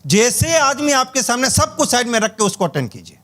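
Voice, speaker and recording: A man's voice: extremely high pitch, big pitch swings, a little fast, pushed and bright. A man leads a network marketing training session. He tells stories, acts out the dialogue, and chuckles through a light, humorous talk. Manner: storytelling with acted-out dialogue and chuckles.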